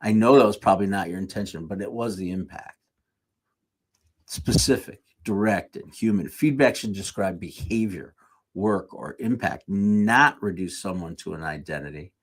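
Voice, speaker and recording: Low husky guy giving a chatty sermon, fixes his words on the fly. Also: lively intonation, normal speed. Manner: off-the-cuff, corrects himself mid-sentence. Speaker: speaker at a live church series. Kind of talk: conversational sermon with jokey asides.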